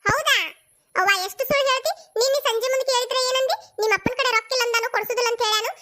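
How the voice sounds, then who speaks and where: A shrill, very high cartoon daughter, as a woman voices her, chattering quickly in a North Karnataka accent. She wheedles and argues with her parents. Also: bright, forceful tone, slight background noise. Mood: pleading. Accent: North Karnataka Kannada. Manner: fast, wheedling, argumentative. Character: chatty, pleading young village daughter.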